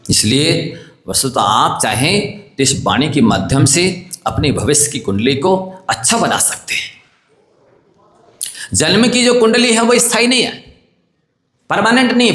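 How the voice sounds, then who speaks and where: A man's voice: high voice, a bit bright. A man, a Jain monk, giving a sermon in an earnest, coaxing way and putting questions to his listeners. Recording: echoey hall.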